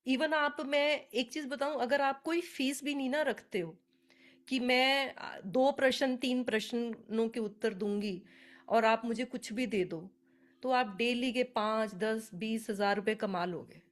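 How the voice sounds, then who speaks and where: A woman's voice: fairly high pitch, a little slow. A woman teaching astrology on a live webinar, chatty and earnest, speaking to attendees by name over a video call.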